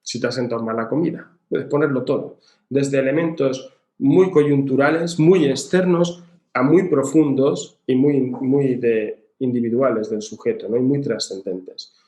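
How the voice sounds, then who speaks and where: A man's voice: mid-range voice, measured pace, dark tone. A man giving a recorded lecture on emotional education, explaining patiently with examples and rhetorical questions. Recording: echoey room.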